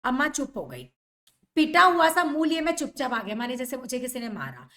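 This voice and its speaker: A woman's voice: sits high, sing-song, brisk, a bit bright. A young woman teacher who reads a novel passage by passage and explains each line in simple words.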